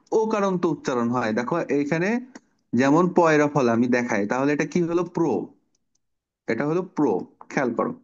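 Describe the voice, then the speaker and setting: A man's voice: medium pitch, highs cut off. A man teaching an online children's class, patiently explaining pronunciation step by step and asking the pupils questions. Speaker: Bangla teacher.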